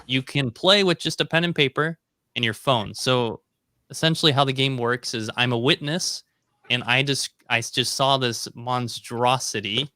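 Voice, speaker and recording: A man's voice: mid-range voice, normal speed, sharp tone, no echo. A man hosting a casual live stream over a video call, rambling with many ums and restarts. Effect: video call audio. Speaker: host.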